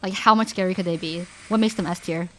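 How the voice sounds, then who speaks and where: A young woman streaming, chatting casually with viewers in an animated way, filling her talk with "like" and restarting her sentences. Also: lowish voice, fast talker. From Canada.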